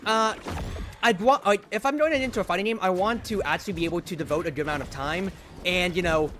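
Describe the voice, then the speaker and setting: Male streamer, casual rambling game commentary, bright tense tone, home mic. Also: high-pitched, fast talker, slight background noise. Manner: chatty, rambling, loud outbursts when excited.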